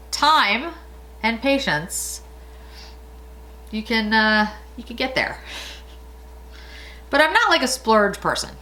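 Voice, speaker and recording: A beauty vlogger in her late forties chats casually through a makeup tutorial, rambling and laughing often. Her medium-pitched voice sounds pushed and bright.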